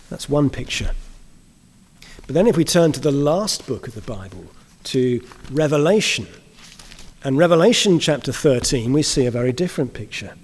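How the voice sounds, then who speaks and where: Kindly preacher in a reverberant hall. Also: male voice, mid-range voice, a little mellow. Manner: measured, explanatory, with rhetorical questions and deliberate pauses. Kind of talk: sermon.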